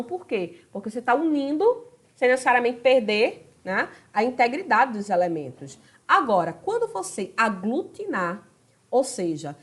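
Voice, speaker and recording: A woman with a Brazilian Portuguese accent teaching a video grammar lesson. Her fairly high voice swoops up and down with a lot of life, and she keeps talking straight to her students and checking that they follow. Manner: chatty, addresses students directly with tag questions.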